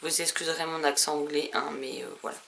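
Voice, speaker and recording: A woman's voice: sits low, fairly even intonation, fast talker, gravelly, fairly bright tone, a little hiss or hum. A woman vlogger chatting casually about her book purchases, rambling and full of hesitations. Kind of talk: casual book haul chat.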